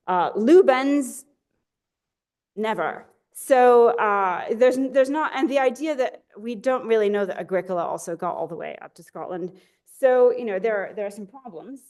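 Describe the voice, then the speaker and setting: A woman's voice: mid-range voice, darkish tone. A woman lecturer giving an academic talk with enthusiasm, often correcting herself mid-sentence. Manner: enthusiastic, with frequent self-corrections.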